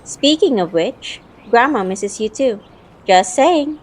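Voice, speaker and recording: A young woman voices a spirited, teasing childhood friend in an audio drama, narrating in her own words and acting out playful banter. Her voice is a little high with lively intonation, and she speaks slowly. Music plays in the background.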